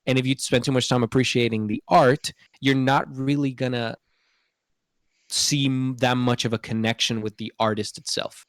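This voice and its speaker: A male podcast host with a mid-range voice explains his opinions casually but earnestly, often checking in with "right?". He keeps a steady tone at normal speed. The studio-quality audio has very little to no room sound.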